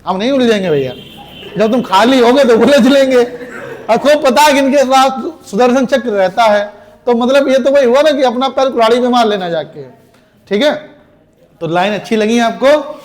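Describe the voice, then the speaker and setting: Male teacher with a high voice and a slightly hoarse throat, lively classroom delivery, quizzes students. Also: moderate pace. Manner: lively, recites verse dramatically, asks class questions. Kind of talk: classroom lecture.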